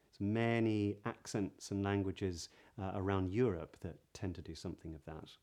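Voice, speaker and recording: Low-pitched modern British male voice coach. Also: fairly even intonation, a little mellow. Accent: modern standard Southern British English. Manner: measured, explanatory, careful articulation. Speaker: voice coach giving a pronunciation lesson. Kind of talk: instructional lesson to camera.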